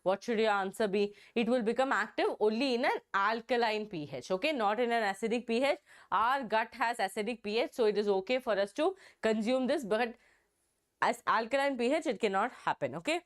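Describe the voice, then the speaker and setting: A young woman with a hoarse, strained voice from a throat infection, teaching an exam-prep biology lesson and repeating herself with frequent "okay"s. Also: a little high, fairly quick. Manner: repetitive, checks in with "okay".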